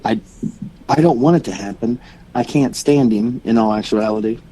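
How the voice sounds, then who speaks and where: A man's voice: mid-range voice, normal speed, warm tone, husky, rough recording. A young man co-hosting a wrestling podcast, talking casually and rambling with many restarts. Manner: plugs shows and websites. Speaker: podcast co-host. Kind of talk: casual chat.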